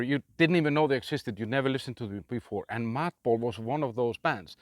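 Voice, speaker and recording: A man's voice: medium pitch, no echo, clean studio sound. Icelandic man reviewing a metal festival. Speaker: metal channel host.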